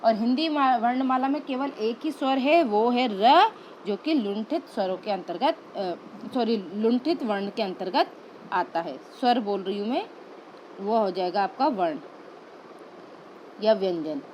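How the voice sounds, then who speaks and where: A woman's voice: a little high, expressive, unhurried, darkish tone, slight background noise, rough recording. A woman teacher giving an exam-prep lesson, patient and step by step, asking questions and answering them herself. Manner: patient, explains step by step with repeated checks.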